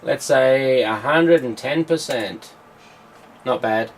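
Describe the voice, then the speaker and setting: A man's voice: medium pitch, slow pace, slight background noise. A man, a music producer, explaining his mixing steps in a studio tutorial, with frequent "uh"s as he works. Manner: explanatory, with frequent filler sounds.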